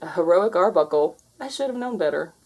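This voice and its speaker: A woman's voice: on the low side, lively intonation, a little fast, a little mellow. A woman plays a mischievous male cartoon cat in a storybook character voice. He is wry and sarcastic, always ready with a wisecrack.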